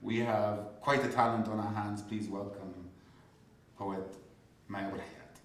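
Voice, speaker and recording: A man hosting a poetry reading, reading out guest introductions with many pauses, fillers and restarts. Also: lowish voice, flat delivery, noisy background. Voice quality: hesitant, halting delivery. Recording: echoey room, far from the mic.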